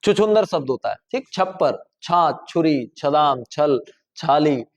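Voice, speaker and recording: High-voiced man teaching spelling. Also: expressive, unhurried. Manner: explanatory, repeats words aloud with stressed sounds, checks understanding. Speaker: Hindi grammar teacher. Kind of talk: classroom lesson explaining spelling and pronunciation.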